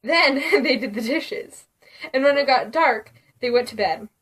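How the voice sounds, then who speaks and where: A woman reading a spooky story aloud and chatting casually, giggling often and dropping to a hush for the suspenseful parts. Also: sits high, a little slow, breathy edge, far from the mic. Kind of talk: casual storytelling and vlog chat.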